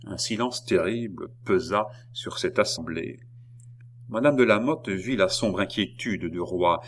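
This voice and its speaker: A man narrating a classic novel in a measured, expressive reading. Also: lowish voice, slight background noise. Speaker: audiobook reader. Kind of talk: literary narration.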